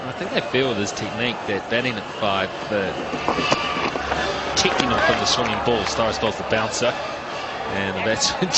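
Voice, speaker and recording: A man giving measured, conversational analysis as a cricket commentator. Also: mid-range voice, very noisy.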